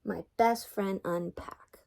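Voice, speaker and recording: Grandma playing a brave young male Fraggle, loyal and kind, slightly raised voice, gravelly texture, storybook reading. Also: mid-range voice, steady tone, slow pace. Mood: gentle. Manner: firm then gentle, forgiving.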